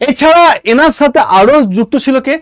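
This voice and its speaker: A high-pitched, brisk voice belongs to an exam-prep history teacher with an Indian Bengali accent. The teacher explains emphatically in an online exam lesson and often checks understanding with short questions. There's no room sound.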